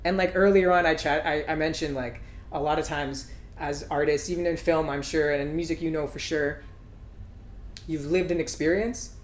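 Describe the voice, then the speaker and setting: A man hosting a podcast, talking through his thoughts in a reflective, halting way with lots of fillers. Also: on the high side, steady tone, a little hiss or hum. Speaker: podcast host and musician. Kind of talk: casual conversation. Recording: roomy echo.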